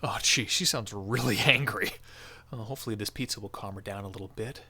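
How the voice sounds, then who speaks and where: A man's voice: on the low side, a little fast, sharp tone, slightly rough. A man hosting a crafting tutorial, narrating the build in an encouraging, jokey way.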